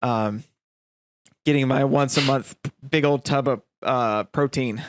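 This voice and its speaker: A man's voice: medium pitch, slow pace, noisy background. A man co-hosting a podcast, chatting casually and telling stories with acted-out quotes and lots of fillers. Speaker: podcast co-host. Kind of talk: casual chat.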